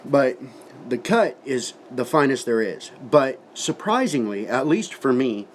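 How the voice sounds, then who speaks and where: A man's voice: mid-range voice, lively intonation, a little slow, slight background noise. Folksy man talking with a lip full of dip. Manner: folksy, colloquial, swears casually. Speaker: tobacco product reviewer. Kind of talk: casual product review vlog, talking to camera.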